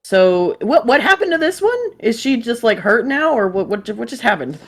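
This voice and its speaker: A woman's voice: on the high side, sing-song, moderate pace. A woman playing a tabletop game, asking questions about the rules and often apologizing. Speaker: player. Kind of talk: casual tabletop play.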